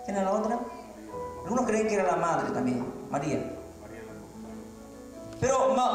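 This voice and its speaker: A man with a very high voice preaches a sermon in a church sanctuary. He shouts at the peaks and teases the congregation with playful questions. The hall rings with heavy echo, and music plays behind him. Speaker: pastor.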